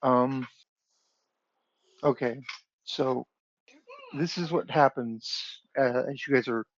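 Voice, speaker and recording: Casting: man, game master narration, relaxed and unhurried with fillers, dry lo-fi sound. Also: medium pitch, no room sound. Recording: dull lo-fi online audio.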